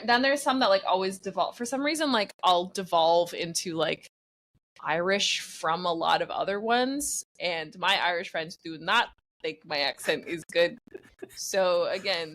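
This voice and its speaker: In a casual interview chat about her acting on a podcast, a woman rambles self-deprecatingly with lots of "like". Her voice is fairly low in pitch and a bit bright.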